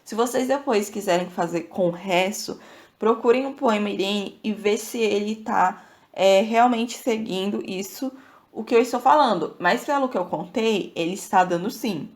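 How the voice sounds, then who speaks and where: A woman's voice: mid-range voice, normal speed. A woman from Brazil hosting a podcast lesson, casually explaining verse and counting syllables aloud, often checking in with her listeners. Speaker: podcast host teaching literature.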